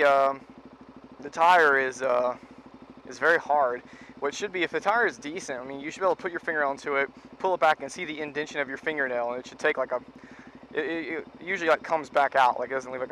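A young man with a Texan accent rambling and swearing as he explains something while riding a motorcycle, recorded on a helmet mic. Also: medium pitch. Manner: rambling, profane, self-interrupting. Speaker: motovlogger. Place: on a motorcycle on a highway, outdoors. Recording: loud wind and engine noise. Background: motorcycle engine and road noise.

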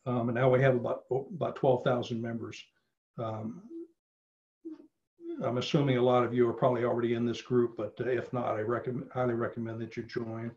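A middle-aged man with a mid-range, darkish voice gives a casual online presentation on genealogy over a video call. He uses lots of fillers and restarts, and the call audio sounds slightly dull.

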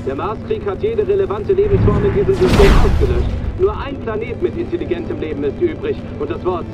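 A man's voice: very high voice, huge pitch swings, fairly quick, creaky, lo-fi sound, full character voice. A man playing a snide, officious alien traffic control clerk in a video game, condescending, pedantic and sarcastic. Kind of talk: video game voice acting in German.

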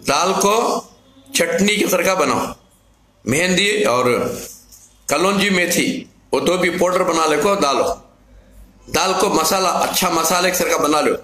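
A man explains home remedies as a herbal healer, talking slowly in a fairly high voice. He repeats each step plainly, and the room gives his voice a roomy echo. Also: pushed and bright. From Karnataka, India. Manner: repetitive, plain step-by-step instructions.

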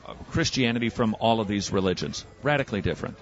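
Low-voiced man evangelizing outdoors, fast probing questions, muffled old radio recording. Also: lively intonation. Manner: probing, rapid-fire questioning. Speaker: street evangelist and radio host. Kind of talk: street debate. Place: outdoors on a city street.

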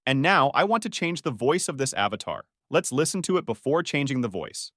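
A man talks through a software tutorial, his pitch moving in a lively way. He explains each step plainly and in order. The sound is close and dry, with no room echo. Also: fairly quick. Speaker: tutorial narrator. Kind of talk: screen-recording tutorial narration.

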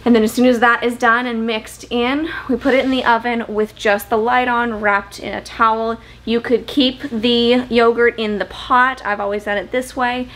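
A woman in her thirties, a homesteading cooking vlogger, works through a casual step-by-step recipe in her home kitchen, chatting to the camera. Her slightly high, somewhat bright voice shows little pitch movement and runs at a normal speed with few pauses. The audio is poor.

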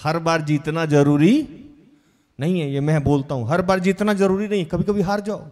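High-voiced man preaching in a reverberant hall. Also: moderate pace. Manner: animated storytelling, asks the audience questions. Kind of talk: sermon.

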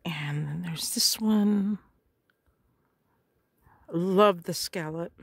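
In a casual unboxing chat, a middle-aged woman who makes craft videos murmurs slowly and gushes about every craft supply she opens, frequently clearing her throat. Her slightly hoarse voice is a little low, and she draws out her words. The audio is close-up and dry, with no echo from the room.

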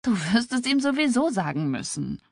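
A woman reading an audiobook, voicing a calm, pragmatic female friend who speaks in a soothing, gentle way. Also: a little high, moderate pace, no room sound, clean studio sound, voice pushed up.

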